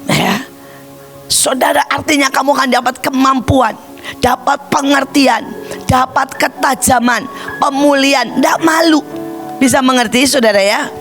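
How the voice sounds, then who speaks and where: An older woman evangelist preaching a sermon, impassioned, breaking into shouts and addressing the congregation again and again. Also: unhurried, faint music behind. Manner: high-pitched exclamations with wide swings.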